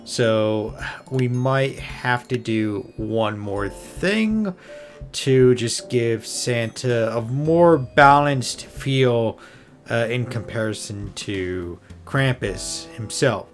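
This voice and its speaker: A man's voice: mid-range voice, very slow. A man hosting a gaming video with casual commentary, rambling and thinking aloud as he goes. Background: music behind the voice.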